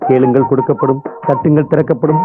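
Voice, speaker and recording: An actor playing a gullible, animated man in a Tamil film comedy. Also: medium pitch, fast talker, close to an everyday voice. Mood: mock-solemn. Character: gullible, animated comic man borrowing money. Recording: dull lo-fi film audio, music behind.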